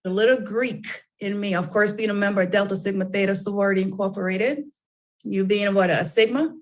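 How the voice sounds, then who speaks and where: A middle-aged woman who writes children's books guests on a radio interview, talking chattily at a medium pitch and a slightly fast pace, with lots of fillers and restarts.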